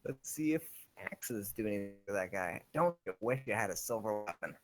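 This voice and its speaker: A young man playing a tabletop game, laughing, swearing and thinking out loud with many ums. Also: fairly low pitch, animated, fairly quick. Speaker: player. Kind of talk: casual tabletop game chat.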